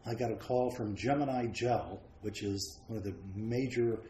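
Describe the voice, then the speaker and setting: A man raised around the United States, a painter guest, telling frank, self-deprecating stories about his life in a relaxed way. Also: lowish voice, moderate pace, a little hiss or hum. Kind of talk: relaxed anecdotal storytelling. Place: large home studio. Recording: roomy studio with faint ambience.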